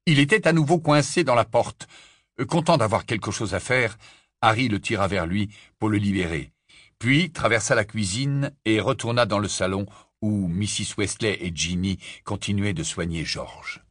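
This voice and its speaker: A man narrating an audiobook in a low, hushed storytelling manner. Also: normal speed, dry recording, clean studio sound. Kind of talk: scripted narration.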